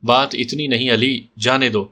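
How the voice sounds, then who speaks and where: A man's voice: mid-range voice, fairly even intonation, bright, forceful tone. A man voicing a captive male bandit who talks in a demanding, threatening way.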